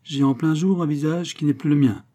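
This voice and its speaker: A man's voice: fairly high pitch, steady tone, fairly quick, dark tone, voice pushed up, natural voice. A man voicing a cocky young male bandit who teases and commands in a spoken storybook. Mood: mocking. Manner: teasing, commanding.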